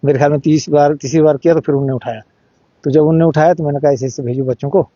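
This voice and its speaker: A middle-aged father telling his story in an interview, halting and repeating words while he acts out what each person said. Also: fairly high pitch, steady tone, warm tone, no echo, highs cut off. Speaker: interviewee, father of the deceased boy. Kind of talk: emotional first-hand account in an interview.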